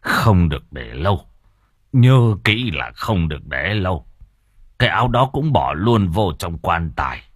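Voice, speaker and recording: A man's voice: low-pitched, sing-song, unhurried, breathy edge, no echo, studio quality, exaggerated voice. A man voicing an exhausted old exorcist in his seventies, murmuring faintly and out of breath, in an audio storybook. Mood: weary urgent. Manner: faint, weary whisper-like murmur.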